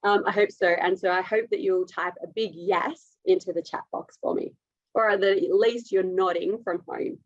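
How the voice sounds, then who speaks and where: A woman's voice: lowish voice, fairly even intonation, moderate pace, no echo, muffled recording. An Australian woman, a dietitian, giving a live webinar presentation over a video call in an upbeat, direct, chatty way.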